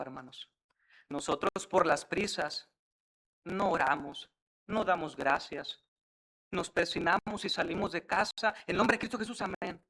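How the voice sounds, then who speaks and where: A man preaching a sermon, calling the congregation brothers and building to loud, fervent exhortation. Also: sits high, gravelly, rough recording. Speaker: pastor.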